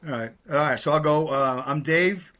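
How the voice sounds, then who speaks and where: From his home, a Brooklyn man in his sixties co-hosts a podcast over a video call, chatting casually and rambling with plenty of fillers and self-deprecating jokes. His voice is a little high, bright and pushed, at a normal speed.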